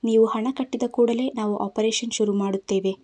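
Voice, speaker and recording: Woman narrator doing a grave doctor, formal, mellow. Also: fairly high pitch, steady tone, normal speed, lightly acted. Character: serious male hospital doctor, firm and formal.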